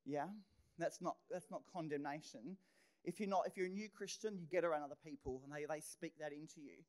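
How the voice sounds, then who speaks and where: Speaking a little fast in a low-pitched voice, this middle-aged pastor gives an animated sermon. Her thoughts get acted out aloud, and now and then she drops to a whisper for an aside.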